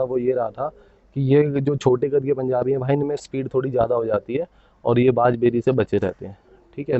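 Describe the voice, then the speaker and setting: A man showing his pigeons to the camera in a casual, chatty way, often tagging his sentences with a quick "okay?". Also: mid-range voice, no echo, narrow, tinny audio. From India. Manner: chatty, keeps saying "bhai" and "theek hai". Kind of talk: casual hands-on show-and-tell.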